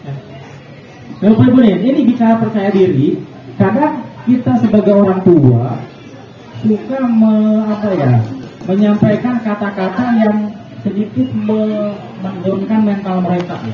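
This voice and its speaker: A man giving a casual religious talk to parents, chatty and quick to chuckle, often asking the audience questions. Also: sits high. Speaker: preacher addressing parents. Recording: echoey, distant, dull, noisy room recording.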